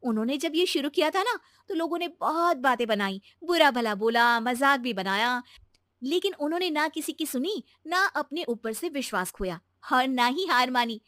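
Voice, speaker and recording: A woman voicing an earnest, encouraging young daughter-in-law who reasons gently in a cartoon moral story. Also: high-pitched, expressive, moderate pace, no room sound, studio quality. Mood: earnest, persuasive.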